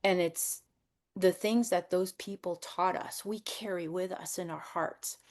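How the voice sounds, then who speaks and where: A woman's voice: lowish voice, steady tone, a little slow, darkish tone. A woman hosting a conversation, encouraging and rambling with restarts. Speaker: podcast host. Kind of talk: casual interview conversation.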